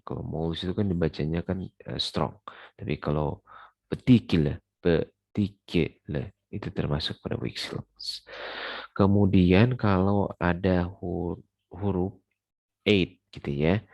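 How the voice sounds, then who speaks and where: Deep gravelly man teaching English. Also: fairly even intonation, measured pace, darkish tone, dry recording. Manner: many fillers, mixes English terms into explanations. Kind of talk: casual recorded lecture.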